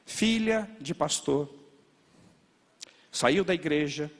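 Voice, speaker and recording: A male pastor preaches in a large church, his fairly high voice ringing out in a long hall reverb. He tells stories in an animated way and punctuates them with sound words. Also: slow. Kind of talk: sermon.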